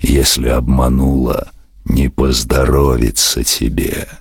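A man voicing a proud, strong male yak who speaks sternly and slowly. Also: very deep voice, little pitch movement, gravelly, over music, voice pushed down, exaggerated voice.

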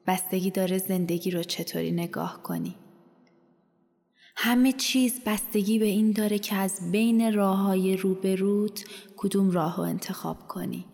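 Creaky, whispery woman narrator. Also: mid-range voice, fairly even intonation, warm tone. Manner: slow, half-whispered, reflective. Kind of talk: scripted narration. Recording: long echoing reverb.

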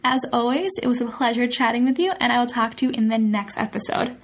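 A woman hosting a podcast language lesson, chatting in English and repeating Italian phrases slowly and clearly. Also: on the high side. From United States. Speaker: podcast host and Italian teacher.

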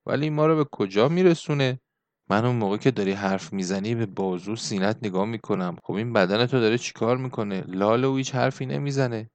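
A man voicing an older male Greek laborer in an audiobook, blunt and fiery, with a gruff, scornful manner. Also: on the low side, dry recording, lightly acted. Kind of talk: audiobook character reading.

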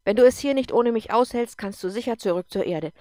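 A woman voicing a drunk, bitter man who talks loudly and with contempt, in an audiobook. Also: a little high, a little fast, no echo, clean studio sound, pitched above the performer's own voice, natural voice. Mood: angry. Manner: loud, contemptuous, pushing. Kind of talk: audiobook character voice.

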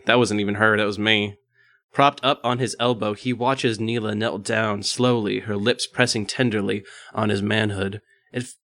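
A man co-hosting a podcast, reading a romance novel aloud, stumbling and correcting himself with quick asides. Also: lowish voice, fairly bright tone, no echo, studio quality. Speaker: podcast co-host.

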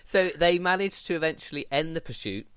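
A man's voice: on the high side, lively intonation, brisk, fairly bright tone, smooth, no echo. A man hosting a casual podcast, reading news stories aloud and giggling often. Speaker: podcast host.

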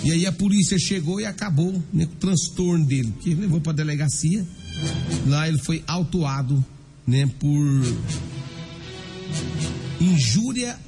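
A Brazilian man hosts a radio crime-news show, delivering news and live ads in a casual, chatty style that speaks straight to listeners. His voice sits a little high, with lively intonation, a slow pace and some vocal fry. Background music runs beneath him.

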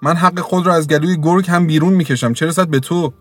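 A man's voice: fairly high pitch, no echo, pitched above the performer's own voice, natural voice. A man voicing a greedy, bullying male village creditor who talks in scornful threats, with faint music behind.

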